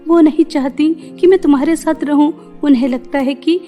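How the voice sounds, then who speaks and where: A gentle, bullied girl from a cartoon story speaks softly through tears, as a woman voices her. Her voice is very high, with faint music in the background. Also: moderate pace, lightly acted. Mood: timid. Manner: soft, tearful, self-pitying. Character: sad, gentle teenage girl, bullied and meek.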